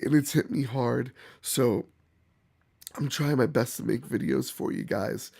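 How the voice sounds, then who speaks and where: A man hosting gaming commentary, speaking bluntly and emphatically in a rough, hoarse voice as if sick. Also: mid-range voice, measured pace, a little mellow. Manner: emphatic, opinionated, blunt, swearing. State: hoarse from bronchitis. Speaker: gaming channel host. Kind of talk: opinion commentary to camera or viewers.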